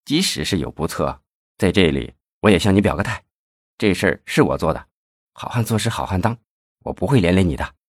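Man playing a cunning middle-aged police chief, calm and measured, deep voice, lively pitch. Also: husky, dry recording, clean studio sound, heavily acted. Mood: calm sly. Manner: calm, measured, quietly sly.

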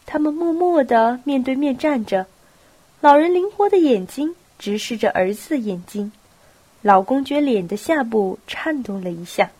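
A woman with a cold narrating a novel in a steady storytelling voice. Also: sits high, normal speed, husky. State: has a cold. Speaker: audiobook narrator. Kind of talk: novel reading.

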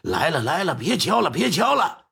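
A cranky house servant from a folk story, stumbling over his words, as a male narrator puts him on. The voice is husky and jumps all over in pitch. He comes off gruff and easily rattled. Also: very animated, moderate pace, pushed and bright, heavily acted. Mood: flustered. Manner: stammering, gruff. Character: flustered grumpy gatekeeper servant.

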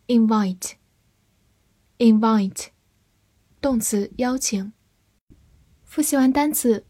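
A woman teaching English vocabulary in a scripted lesson, reading each word twice and then its meanings in an even voice. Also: a little high, husky, dry recording.

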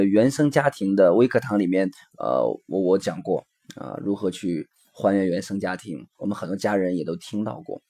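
A man's voice: on the low side, a little mellow, husky. A man hosting a recorded parenting lesson, explaining earnestly with frequent fillers and acting out the dialogue of his examples. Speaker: parenting educator and podcast host.

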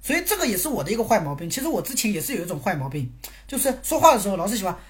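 Casting note: talkative woman teacher hosting a casual livestream lesson, teasing and warm with her chat, mid-pitched voice, close mic. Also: big pitch swings, very fast. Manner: chatty, teasing, talks to viewers, laughs often. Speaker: Korean language teacher.

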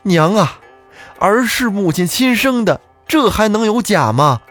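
A man voicing an indignant young man who shouts in protest when attacked at his own home. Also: sits high, very animated, measured pace, faint music behind, voice pushed up, heavily acted. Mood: pleading. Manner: loud, protesting and bewildered.

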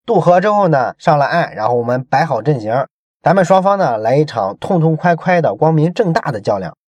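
A man voicing a smooth-talking male envoy who coaxes a king with exaggerated politeness, inside a retold history story. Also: a little high, big pitch swings, a little fast, a little mellow, no room sound. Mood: coaxing. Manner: coaxing, overly polite.

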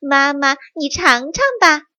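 A woman's voice: extremely high pitch, expressive, measured pace, sharp tone, dry recording, pitched above the performer's own voice, full character voice. A woman voicing cheerful young male mouse siblings in a chirpy, singsong way. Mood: excited. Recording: dry, slightly muffled.

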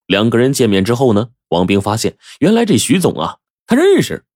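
A man narrating a story in a lively, animated way. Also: mid-range voice, brisk, no room sound, clean studio sound.

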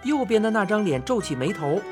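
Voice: mid-range voice, very animated, a little fast, darkish tone, soft background music. An audiobook narrator reading a children's story in a plain storytelling manner.

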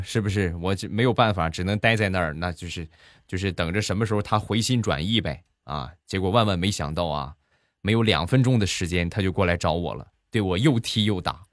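A man, a podcast host telling comedic stories in a chatty, animated way. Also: low-pitched, a little fast, dry recording, studio quality. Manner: chatty, animated, laughs at his own jokes. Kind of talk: comedic storytelling monologue.

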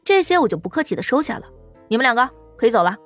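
A man voicing a fierce, sharp-tongued young woman fighter who talks down to thugs with scorn. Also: extremely high pitch, big pitch swings, very fast, faint music behind, pitched above the performer's own voice, full character voice. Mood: mocking. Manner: scornful, bossy.

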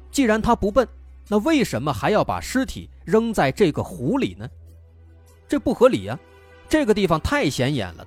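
Animated male true crime narrator. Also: on the high side, no echo. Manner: explanatory, poses rhetorical questions and reasons through them. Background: background music.

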